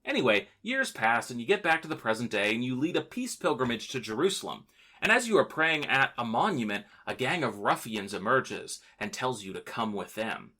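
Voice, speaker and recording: A man hosts a history podcast, reading his script with playful jokes and theatrical asides. His pitch swings widely as he narrates, and his tone is bright and forward. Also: sing-song, fairly quick. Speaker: podcast host.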